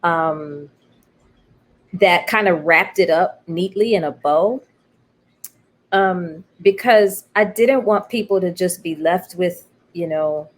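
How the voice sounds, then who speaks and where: A playwright with a slightly low voice takes her time reflecting on her creative work in an interview, speaking openly and expressively and sometimes quoting what was said.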